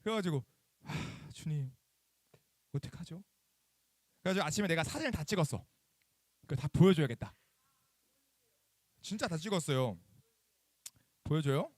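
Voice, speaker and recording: A male youth pastor giving a sermon to middle schoolers, animated, acting out phone calls and quizzing the kids. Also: a little high, fairly quick, long pauses, dry recording, clean studio sound. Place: church chapel.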